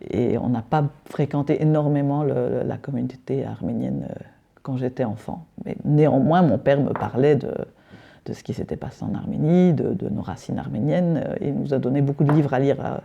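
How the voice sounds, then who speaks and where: Middle-aged woman, interview guest; halting answers, gravelly and deep-toned. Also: mellow, muffled recording. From Belgium. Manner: hesitant, many fillers and restarts. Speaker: decorative painter, interview guest.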